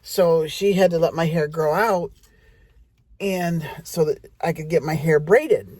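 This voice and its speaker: A woman's voice: low-pitched, a little slow, darkish tone, no room sound. A middle-aged woman telling a rambling personal story in a chatty way, talking straight to her audience.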